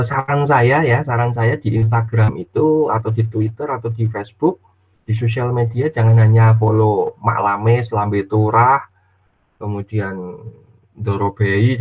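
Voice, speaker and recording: A middle-aged male university lecturer, giving a casual online lecture and acting out little dialogues with his child. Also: mid-range voice. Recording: tinny phone-like audio.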